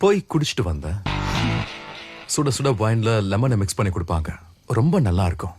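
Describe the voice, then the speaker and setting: A man in a comedy skit, talking in a carefree, joking way that swings into loud exasperation. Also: lowish voice, very animated, a little fast, music in the background. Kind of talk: casual comic skit dialogue.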